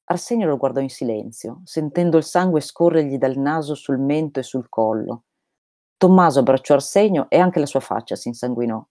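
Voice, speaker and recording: A woman literature teacher lecturing and reading a novel aloud at a steady pace, with some hesitation fillers. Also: rumbling low, moderate pace, dry recording, studio quality. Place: home over a livestream.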